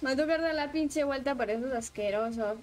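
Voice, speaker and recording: Excitable high-voiced woman gaming streamer. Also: fairly quick, soft background music. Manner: excitable, shrieks and laughs while playing, chats with viewers. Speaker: livestreaming gamer. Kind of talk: casual gaming livestream chat.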